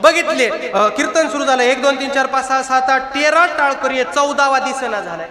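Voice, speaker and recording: A man preaching a devotional kirtan sermon, telling a saint's story with lively calls and asides to the crowd. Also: very high voice, normal speed. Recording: echoey hall with long reverb.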